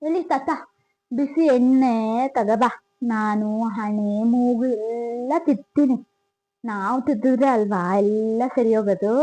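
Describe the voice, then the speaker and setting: A woman's voice: fairly high pitch, measured pace, dark tone, soft background music, low-quality recording. A woman playing a strict, bossy old grandmother, scolding in a comedy sketch. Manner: scolding, insistent, old-fashioned advice.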